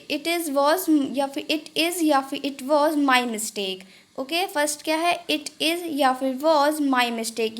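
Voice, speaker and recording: A woman with a high voice teaches everyday English phrases in a relaxed, chatty way. She says each phrase slowly and repeats it. She keeps calling the viewers "guys". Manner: addresses viewers as "guys" often. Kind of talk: casual spoken-English lesson.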